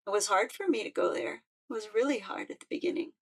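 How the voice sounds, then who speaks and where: An older American woman, a musician and peace activist, gives a personal reflective talk in a gravelly, slightly high, expressive voice. She speaks haltingly and from the heart, often restarting.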